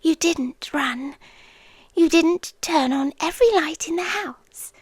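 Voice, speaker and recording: A woman plays an obsessive British yandere girlfriend, her high, breathy voice drifting between whispers and soft speech. She talks very slowly and possessively with a soft menace, right up close in a dry, intimate ASMR recording made on a close mic with no echo.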